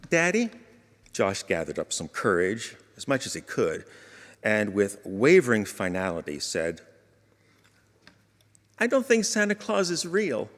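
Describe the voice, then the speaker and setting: A timid little boy of six, voiced by a man telling a story, speaks in a soft, high, wavering tone. The sound carries a long hall reverb. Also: huge pitch swings, unhurried, long pauses, full character voice. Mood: hesitant. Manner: hesitant, wavering. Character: timid six-year-old boy asking about Santa.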